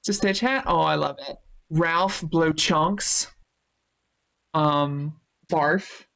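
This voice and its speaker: Speaking very slowly, this woman has a voice that sits low, gravelly yet fairly bright. She's a Twitch streamer loosely chatting with viewers on a live stream, reading chat, thanking them and swearing freely.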